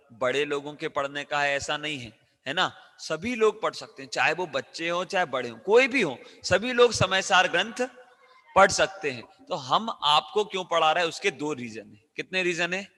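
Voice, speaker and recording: A man teaching a class of children. He quizzes them with call-and-response questions and coaxes loud answers. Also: fairly high pitch, long reverb tail.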